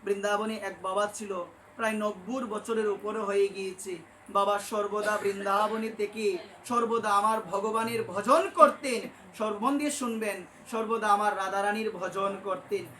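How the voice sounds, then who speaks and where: Impassioned high-voiced preacher man. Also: steady tone, measured pace, pushed and bright, a little hiss or hum. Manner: impassioned, rising to emphatic peaks, addresses listeners as mother. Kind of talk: devotional sermon with storytelling. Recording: echoey room with faint ambience.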